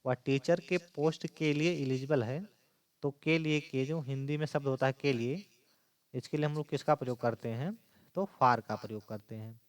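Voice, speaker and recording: A man's voice: medium pitch, moderate pace. Male teacher, mid-range voice, explains exam answers step by step and repeats the key points. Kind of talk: exam-prep lesson.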